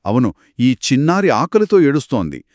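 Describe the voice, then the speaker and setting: A man narrating a children's folk tale as a back-and-forth conversation, telling it with expressive, dramatic delivery. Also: medium pitch, moderate pace, dry recording. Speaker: storyteller. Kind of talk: children's story told as a two-voice conversation.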